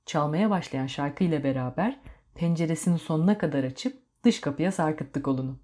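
Woman reading a story out, low voice, steady and measured. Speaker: narrator. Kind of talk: storybook narration.

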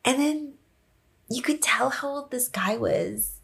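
A young woman co-hosting a podcast, telling an animated story in casual chat and laughing often. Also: on the high side, takes it slowly, creaky. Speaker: podcast co-host.

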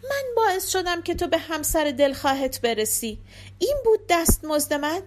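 A woman's voice: high voice, lively intonation, a bit bright. A woman voicing a wounded young male hero who reproaches his betrayers with pain in his voice. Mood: betrayed. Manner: pained, pleading reproach.

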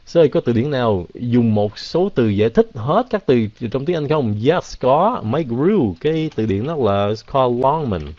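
Man slowly sounding out English words. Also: medium pitch, lively intonation, warm tone, dry recording. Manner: casual, switches between Vietnamese and English; drawn-out, slow pronunciation of English words. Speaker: English teacher. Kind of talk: live Q&A English lesson. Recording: dull, lo-fi, dry.

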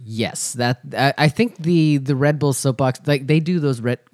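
A man's voice: mid-range voice, normal speed, a little mellow, dry recording, studio quality. A man co-hosting a podcast in casual chat, dropping wry, teasing quips. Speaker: podcast co-host.

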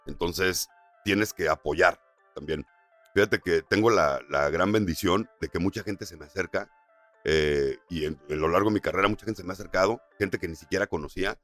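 A man's voice: low-pitched, moderate pace, fairly bright tone, faint music behind. A man who works as a radio announcer, telling stories in casual podcast chat full of slang. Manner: storytelling, peppered with slang.

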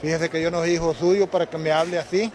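A man acting out a pompous gentleman who scolds a rude driver with formal, old-fashioned insults in a recorded joke skit. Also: on the high side, flat delivery, fast talker, background noise, natural voice. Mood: indignant.

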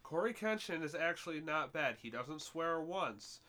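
Chatty man with a lively voice. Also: fairly high pitch, normal speed. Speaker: podcast co-host. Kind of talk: casual group chat.

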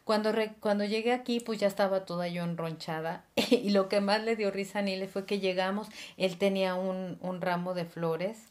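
Lively woman telling a story. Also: mid-range voice, moderate pace, few pauses. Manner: lively, laughing, acts out voices in her story. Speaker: guest. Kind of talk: casual personal storytelling.

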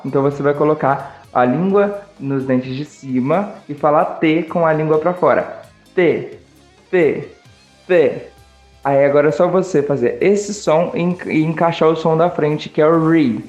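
A man with a Brazilian Portuguese accent teaching an online English lesson in a friendly way, drilling words slowly. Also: a little high, darkish tone, echoey room, dull audio.

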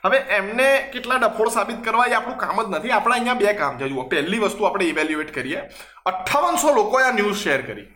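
A man's voice: high voice, animated, quick pace, bright, forceful tone. A young man hosting a comedic mock news monologue, sarcastic, mixing in English words. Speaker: host. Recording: echoey room.

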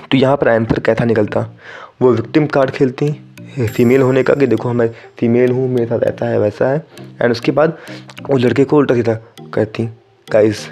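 Young guy from india doing a solo podcast, warm mellow voice, soft music behind. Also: medium pitch. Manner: conversational, addresses listeners directly, mixes in English phrases. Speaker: podcast host. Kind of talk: casual solo podcast monologue.

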